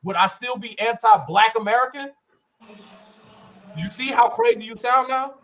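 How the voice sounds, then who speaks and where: A man with a high voice hosts a heated panel debate on a podcast. He argues his points and pushes back hard at the other guests. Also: moderate pace, fairly bright tone. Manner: argumentative, challenging. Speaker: podcast host.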